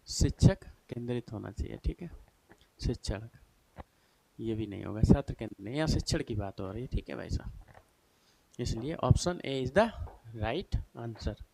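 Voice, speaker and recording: A man's voice: medium pitch, gravelly, mellow. A male teacher giving a chatty exam-prep lesson, asking and answering his own questions and checking in with his students over and over. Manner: chatty, repeats "theek hai" and "bhai sahab" often.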